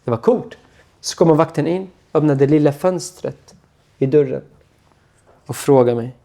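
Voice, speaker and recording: A man from Syria, a guest in an interview, tells his own story in a fairly high, quiet, halting voice that often trails off.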